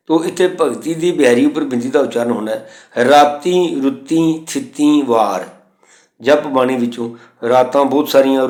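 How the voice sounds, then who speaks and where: A man with a Punjabi accent giving a step-by-step lesson on pronouncing scripture, reciting each line slowly and then explaining it methodically. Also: mid-range voice, echoey room. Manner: patient, methodical, repeats words and rules. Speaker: Gurbani pronunciation teacher.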